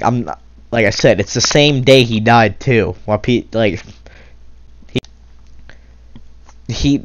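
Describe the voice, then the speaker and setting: A young man rants about another creator in an indignant, exasperated voice. He sighs often and swears freely. His voice is mid-pitched and comes through a dull, lo-fi mic with almost no room sound. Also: darkish tone, no room sound. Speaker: commentary creator. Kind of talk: angry commentary rant. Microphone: console capture mic.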